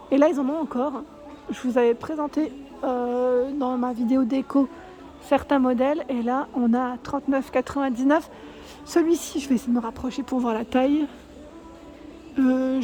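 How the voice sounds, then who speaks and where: A woman vlogging a walk through a furniture store, reading out prices and sizes one by one and correcting herself now and then. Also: high voice. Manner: reads out prices and sizes in a steady list, with small self-corrections. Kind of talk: casual store walkthrough vlog.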